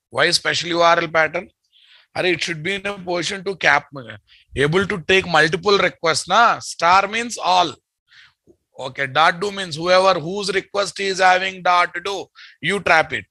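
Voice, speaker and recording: A man's voice: high voice, normal speed, vocal fry, sharp tone, dry recording, poor audio. A man with a Telugu Indian accent teaching a live technical class, bluntly questioning his students and repeating key phrases. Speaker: programming instructor.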